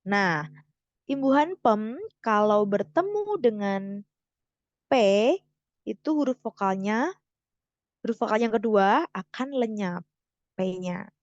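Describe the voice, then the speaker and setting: A young woman tutoring online in a casual way, correcting herself and slowly stressing example words. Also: mid-range voice, expressive, dry recording, lo-fi sound. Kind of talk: explaining grammar lesson.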